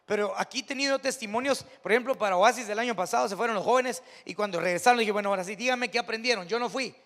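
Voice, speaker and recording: A Mexican-accented male pastor delivers a sermon in a high, light voice, telling stories like a conversation before pressing his points hard. His words ring out with a long reverb in a church sanctuary. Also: very fast, fairly bright tone. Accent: Mexican Spanish. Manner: storytelling, conversational, rising to emphatic preaching.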